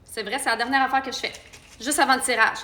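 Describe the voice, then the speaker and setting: Bright-voiced Québécois woman doing makeup. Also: sits high, steady tone, quick pace. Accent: Québécois French. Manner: chatty, talks viewers through each step. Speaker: makeup artist. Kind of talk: live makeup tutorial.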